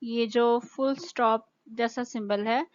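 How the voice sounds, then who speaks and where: A woman teacher with a Pakistani accent giving a recorded lecture on English pronunciation, speaking slowly and carefully and drawing out the example words. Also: fairly high pitch, fairly even intonation. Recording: dull, lo-fi sound.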